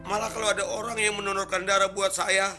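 A man's voice: high-pitched, little pitch movement, quick pace, music in the background. A man in a soap opera playing a patient, speaking earnestly and gratefully. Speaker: Husin, patient receiving donated blood.

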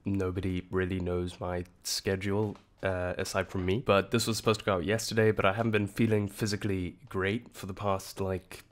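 A man's voice: sits low, flat delivery, fairly quick, hardly any pauses. A man hosting a casual gameplay commentary in a groggy morning voice, rambling with lots of fillers and restarts. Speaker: gaming channel host.

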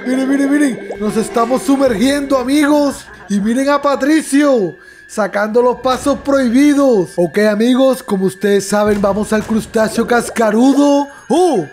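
A man hosting a let's play, talking excitably and constantly calling out to his viewers as friends. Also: very high-pitched, moderate pace, slight background noise. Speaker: gaming channel host.

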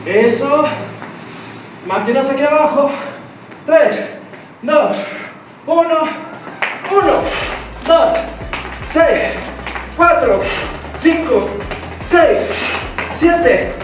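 A young male gym coach barks out rep counts and short urgings, very high in pitch and very slow in delivery. He is working out as he calls. His voice comes from far off in a very echoey room. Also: expressive, noisy background. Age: young adult. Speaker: fitness coach leading a workout. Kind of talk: motivational workout instruction. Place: bare tiled room with hard walls. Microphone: camera several metres away.

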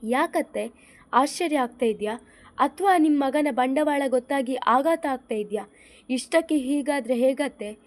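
A woman's voice: high voice, unhurried. A woman voicing a tearful, bitter young wife. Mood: bitter, accusing. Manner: tearful, accusing.

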